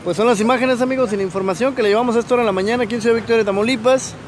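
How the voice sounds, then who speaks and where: His voice very high and his words coming rapid-fire, a man reports live on a crash for local news, speaking informally with constant fillers. He is off camera as a phone films the busy outdoor street, where traffic noise fills the background.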